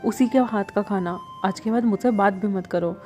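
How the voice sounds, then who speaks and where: A woman's voice: mid-range voice, moderate pace, mellow, soft background music, natural voice. A woman voicing a sulky jealous young man.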